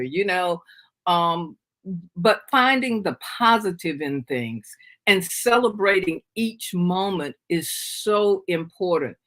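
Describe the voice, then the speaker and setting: A woman in her fifties gives a workshop talk about caring for family, her voice bright and clear. She speaks conversationally, telling stories in an easy, relaxed way. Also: lowish voice. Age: 50s. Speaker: workshop presenter, family caregiver. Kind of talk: presentation talk.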